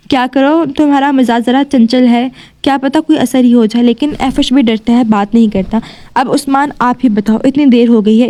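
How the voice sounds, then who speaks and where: A woman's voice: a little high, dark tone, lightly acted. A woman voicing a worried middle-aged father. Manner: troubled, pleading.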